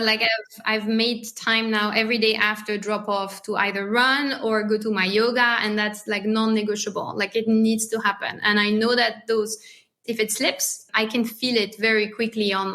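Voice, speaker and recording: A woman's voice: mid-range voice, pushed and bright. A woman in her thirties with a French accent, a podcast guest talking casually and thoughtfully, often restarting her phrases. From France. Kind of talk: casual interview talk.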